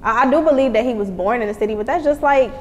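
A chatty woman guest from Lake County, Illinois, speaks quickly and candidly with a slightly high voice. Her words ring in a reverberant room, with faint noise underneath. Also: a little mellow. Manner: candid, chatty, repeats "you know what I'm saying". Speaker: interview guest. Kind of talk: casual interview talk.

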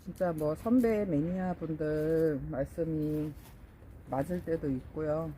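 A woman's voice: low voice, measured pace, warm tone, a little hiss or hum, rough recording. A middle-aged woman vlogging casually about her succulents, chatting to viewers as she plants in a greenhouse. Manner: chatty, talks to viewers while working. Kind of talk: casual chat while planting.

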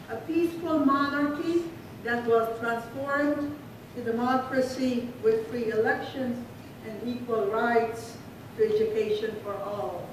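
Middle-aged woman from Afghanistan delivering a slow, measured speech from a podium. Her fairly high voice carries through a very echoey hall, picked up from well back, with a faint rumble underneath. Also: recorded from a distance. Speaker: guest speaker. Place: large indoor reception hall. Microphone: podium microphone heard from a distance.

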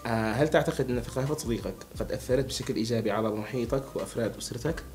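A man's voice: medium pitch, racing, over music. A young man from Hadhramaut, chatting casually with a friend and asking him questions. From Hadhramaut, Yemen. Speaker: conversation partner asking questions. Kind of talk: casual chat between friends.

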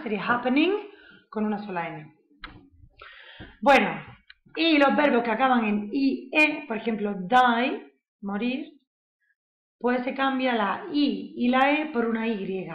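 Slow, patient woman teaching grammar. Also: fairly high pitch. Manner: slow, patient explaining, often checks with "¿vale?". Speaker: English teacher. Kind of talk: grammar lesson. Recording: echoey room, slightly dull sound.

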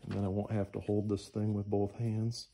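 This middle-aged DIY engine rebuilder mutters through a casual hands-on tutorial in a garage, explaining as he works. He speaks in a lowish, warm-toned voice, monotone and at a moderate pace.

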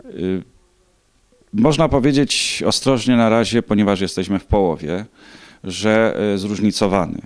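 A middle-aged man giving measured, hesitant interview answers with frequent pauses. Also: on the low side. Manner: hesitant, measured, pausing often. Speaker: contest organiser being interviewed. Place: indoors, small room. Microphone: handheld reporter microphone.

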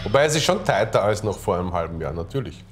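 A man's voice: fairly low pitch, sing-song, fast talker. A man in his thirties giving casual, slangy, self-mocking commentary on footage. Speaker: amateur boxer commenting on footage. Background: music.

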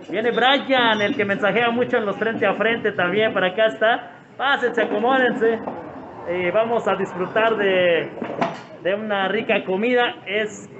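A man's voice: high voice, highs cut off. Chatty Mexican man filming a restaurant. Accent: Mexican Spanish. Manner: chatty, greets people by name, repeats phrases. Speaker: vlogger showing a restaurant. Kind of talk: casual walk-around narration. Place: open-air roadside restaurant.

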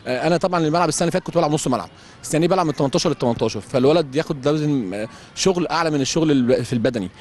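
Rapid Egyptian football coach. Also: male voice, fairly high pitch, lively intonation, darkish tone, a little hiss or hum. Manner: plain, many hesitant fillers. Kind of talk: interview answers. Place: outdoor football pitch at night. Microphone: handheld mic.

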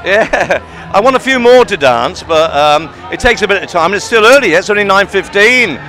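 A man's voice: high-pitched, lively intonation, moderate pace, pushed and bright, some chatter behind, low-quality recording. A man in his sixties talking casually as an interviewee about what he does as a DJ. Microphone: handheld shotgun microphone held by interviewer.

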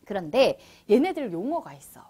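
A woman's voice: medium pitch, very animated, moderate pace, warm tone, husky. A young woman teaching math to middle school students in a chatty, playful lecture, talking straight to her students.

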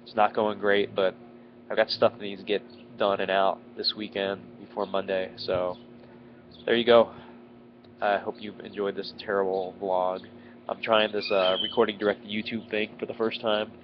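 Low-voiced man with a stuffy nose. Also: level tone, normal speed. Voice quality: congested, stuffy-nosed. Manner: self-deprecating, complaining. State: sick with a head cold. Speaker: vlogger. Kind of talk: casual chat to camera. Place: outdoors at home in a residential neighborhood. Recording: dull lo-fi, clear outdoor background noise. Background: outdoor neighborhood ambience.

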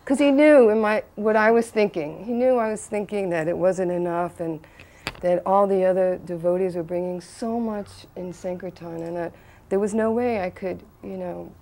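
An older woman telling a personal anecdote, earnest and halting, with restarts and bursts of excitement. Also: mid-range voice. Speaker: devotee recalling a memory.

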